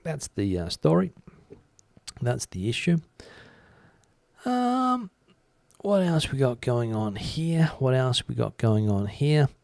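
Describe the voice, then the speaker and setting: A man hosts a live commentary stream, casually talking through the news, reading viewer comments and musing as he answers. He speaks slowly yet very animatedly, with long pauses, in a mid-range, gravelly, darkish voice. The recording is dry.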